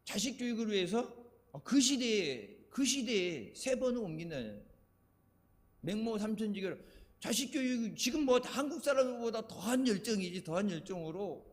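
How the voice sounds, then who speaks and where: An older male pastor delivers a sermon in a chatty, storytelling way and chuckles at his own anecdotes. His voice sits high for a man. The sanctuary's long reverb trails after every phrase. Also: big pitch swings, moderate pace. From Chungcheong, Korea. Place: church sanctuary. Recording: echoey church hall reverb.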